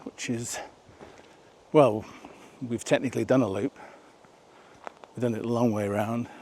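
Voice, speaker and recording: A man's voice: medium pitch, dark tone, slight background noise. Chatty man vlogging on a trail. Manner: chatty, rambling, asks viewers questions. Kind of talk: walking vlog narration. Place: outdoors on a rural nature trail.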